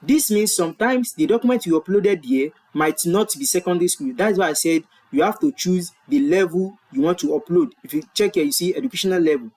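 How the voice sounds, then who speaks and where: His voice is high, animated and darkish, moving a little fast with hardly any pauses. He's a Nigerian tutorial presenter whose first language is Yoruba, patiently taking viewers through an online form on screen share, repeating and correcting himself as a corner webcam records him.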